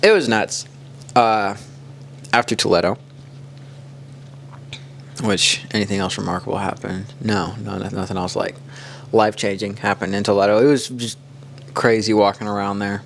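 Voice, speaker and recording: A Kansas City–area man co-hosts a podcast in a fairly low, gravelly voice at a moderate pace, with long pauses. He tells stories in a relaxed, rambling way, loose with "like," over a little hiss or hum.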